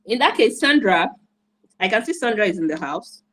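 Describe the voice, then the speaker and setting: A woman's voice: mid-range voice, sing-song, moderate pace, fairly bright tone, rough recording. A woman from Nigeria, hosting an online event in an enthusiastic, repetitive, encouraging way over a video call. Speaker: host and moderator.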